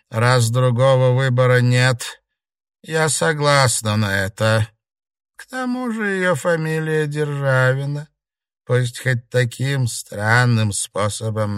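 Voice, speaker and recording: A man voicing the ghost of a vengeful dead old woman, speaking slowly with a hiss. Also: mid-range voice, fairly bright tone, dry recording, clean studio sound, pitched above the performer's own voice. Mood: resigned. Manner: slow, drawn-out, hissing. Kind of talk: audiobook character voice.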